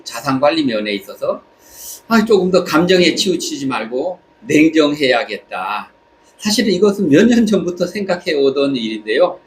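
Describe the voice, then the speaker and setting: A man from South Korea speaking a reflective personal monologue, haltingly, pausing between short phrases. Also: medium pitch, poor audio. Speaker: vlogger. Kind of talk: reflective spoken monologue while travelling. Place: on holiday in Southeast Asia. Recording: clear background ambient noise.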